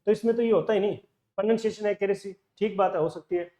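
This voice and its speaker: A man with a Rajasthani Hindi accent, working through a test paper as an English teacher. He reads each option slowly and then explains it in quick, conversational Hindi mixed with English. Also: sits high, warm tone. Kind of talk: solving a test paper in a lecture.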